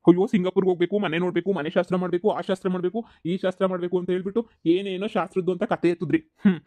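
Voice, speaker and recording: A man's voice: high voice, darkish tone, dry recording, lightly acted. Fields: Figure: stubborn young groom, voiced by a man. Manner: insistent, repetitive, fast-talking. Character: stubborn young groom calling off his wedding.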